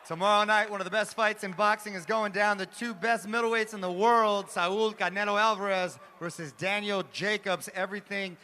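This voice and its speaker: A man hosts a live boxing event in a hyped style. His voice is high for a man and very bright. There is faint noise from the venue around it. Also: steady tone, normal speed, few pauses. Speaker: event host.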